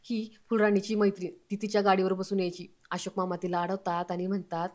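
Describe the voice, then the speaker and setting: A woman's voice: mid-range voice, level tone, fairly quick, a little hiss or hum. A woman narrating a recap of a TV serial episode in plain storytelling.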